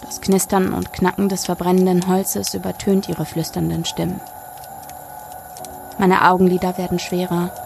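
Gravelly-voiced woman reading a horror story. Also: fairly low pitch, monotone, moderate pace, background noise. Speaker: story narrator.

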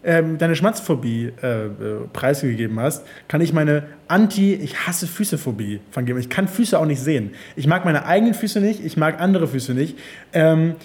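A man's voice: on the high side, expressive, moderate pace, darkish tone. A man co-hosting a casual chat podcast from home, rambling, repeating himself and laughing often. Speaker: podcast co-host. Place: at home abroad.

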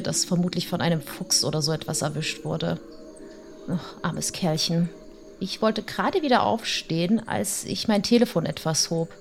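A woman narrating a first-person horror story in an expressive way, hushing and drawing out the tense moments. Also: medium pitch.

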